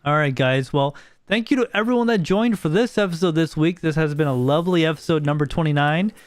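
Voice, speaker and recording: This US-born man hosts a casual podcast livestream in a fairly high, clean-toned voice, speaking briskly over a dry recording. He talks with viewers and reads out their messages, frequently repeating himself as he thinks out loud.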